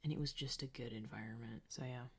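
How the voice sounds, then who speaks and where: A woman's voice: rumbling low, fast, husky. A young woman whispering a rambling, self-deprecating video diary as a music student, recorded on a close desk microphone in her bedroom. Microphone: close condenser desk mic.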